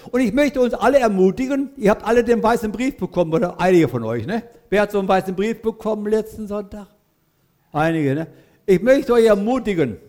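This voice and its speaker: A man's voice: high voice, darkish tone. An older man preaching a sermon to his congregation in a church hall, telling his own story in a folksy, rambling way, often correcting himself and asking "ne?". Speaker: lay preacher. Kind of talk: church sermon with personal testimony.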